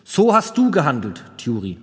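A man reading the part of a stern, measured old king who questions a young squire. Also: fairly high pitch, wildly swooping pitch, fairly bright tone, husky, exaggerated voice. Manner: questioning, weighty, deliberate. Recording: long reverb.

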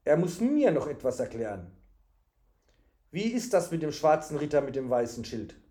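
A bewildered innkeeper demands answers in a storybook tale, voiced by a man reading aloud. He sounds agitated and insistent. The voice is slightly high. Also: big pitch swings, moderate pace, dark tone. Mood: urgent. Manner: agitated, questioning. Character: excited male innkeeper, bewildered and pressing.

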